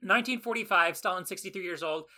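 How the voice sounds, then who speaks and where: A man's voice: sits high, fast talker, sharp tone. A man co-hosting a casual history podcast, telling the story loosely with many fillers. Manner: rambling, filler-heavy storytelling. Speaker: podcast co-host.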